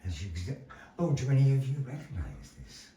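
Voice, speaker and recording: At a live show in a gallery, a man narrates a puppet performance with theatrical playfulness, stopping between story segments to chat with the audience. His mid-range voice swoops wildly in pitch, and he speaks briskly with a warm, creaky tone. The room is echoey and the mic sits at a distance.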